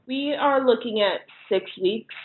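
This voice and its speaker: Her voice is fairly high and unhurried as this horror filmmaker chats casually in an interview. Giggly by nature, she keeps laughing as she talks. The line is thin and narrow, like a phone.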